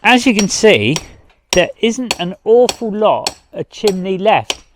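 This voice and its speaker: A man's voice: sits high, very animated, slow, noisy background. A man up on scaffolding outdoors, out of breath and commenting casually on renovation work with dry, self-deprecating humour. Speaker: vlogger working on a house renovation. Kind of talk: casual chat and on-the-spot commentary.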